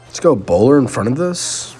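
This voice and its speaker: A young man giving casual, excitable live commentary on his own gameplay, talking slangily to his viewers. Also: mid-range voice, normal speed, husky. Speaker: gaming channel host. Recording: faint music underneath.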